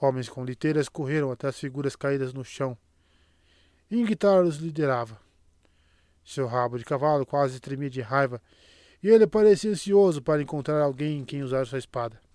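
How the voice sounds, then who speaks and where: In a steady, even storytelling manner, a man narrates a scripted fantasy audiobook. His voice is mid-range at a moderate pace, captured dry with studio quality.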